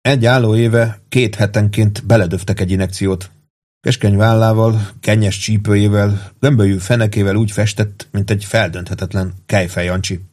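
A man reading a novel aloud as audiobook narrator, in steady, even storytelling. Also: fairly low pitch. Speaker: audiobook reader.

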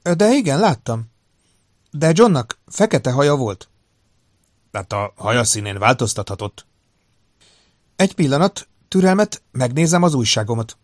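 A man voicing a composed middle-aged woman psychiatrist in an audiobook, with a pleasant, measured manner. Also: mid-range voice, very animated, no echo, clean studio sound, pitched above the performer's own voice. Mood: helpful. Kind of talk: audiobook character voice.

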